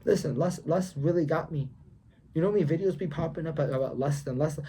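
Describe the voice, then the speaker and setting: A man's voice: on the high side, brisk, dark tone, slight background noise. A young man vlogging about his faith in a slangy, emphatic way, repeating himself and lecturing the viewer. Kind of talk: casual faith vlog monologue.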